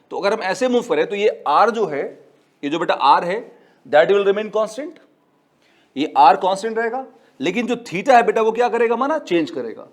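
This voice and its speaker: Man, physics teacher, high-pitched voice, coaxing and repetitive, quizzes the class and answers for them. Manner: coaxing, repetitive, calls students "beta"; asks questions and answers them himself. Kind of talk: classroom lecture.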